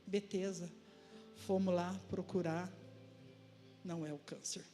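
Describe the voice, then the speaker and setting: A middle-aged woman giving an emotional, animated testimony to a church congregation. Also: on the low side, unhurried, faint music behind. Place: church service.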